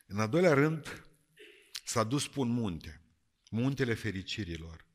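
A man preaching a sermon, lively and joking, moving between loud calls and quiet words. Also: fairly low pitch. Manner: lively, jokey, swings between shouting and quiet.

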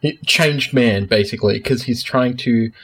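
A man's voice: mid-range voice, moderate pace, fairly bright tone. A man co-hosting a casual podcast, enthusiastic and talkative, explaining at length and laughing often. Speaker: podcast co-host. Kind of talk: casual chat.

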